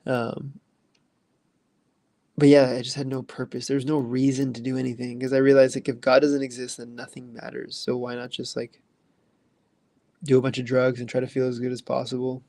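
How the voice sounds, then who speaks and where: Rambling loosely and using plenty of fillers, a livestream host in his twenties answers chat casually. He speaks at normal speed in a monotone, mid-range voice with a darkish tone, recorded without echo.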